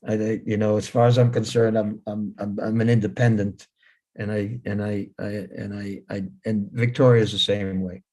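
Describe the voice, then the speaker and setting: Speaking at a talk held over a video call, this man in his seventies, whose first language is Hebrew, keeps things casual, plain, and wry, and tends to say things twice. His low, darkish voice comes out flat at a moderate pace.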